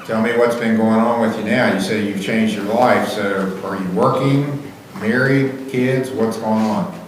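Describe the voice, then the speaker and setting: A man's voice: on the low side, fairly even intonation, a little slow. A man speaking as a judge, questioning a defendant in a formal, matter-of-fact, procedural way in a courtroom. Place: echoey courtroom. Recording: very echoey room, faint noise.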